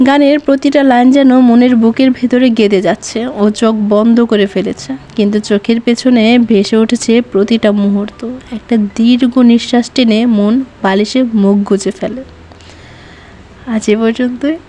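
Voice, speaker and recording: A woman's voice: fairly high pitch, fairly even intonation, mellow. Woman reading a romance story aloud. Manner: slow, emotional reading. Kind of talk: scripted narration of a romantic novel.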